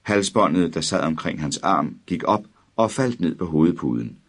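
A man narrating a dark audiobook story in a measured, dramatic way. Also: low-pitched, lively intonation.

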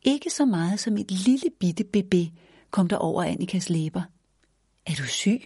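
A woman narrating a children's storybook in a gentle, even read-aloud manner. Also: medium pitch, husky, no room sound, studio quality.

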